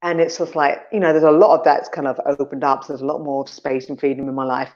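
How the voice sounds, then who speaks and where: A woman's voice: low-pitched, level tone, fast, darkish tone, highs cut off. A woman co-hosting a casual podcast chat, talking animatedly and acting out her inner voices, with some swearing. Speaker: podcast co-host.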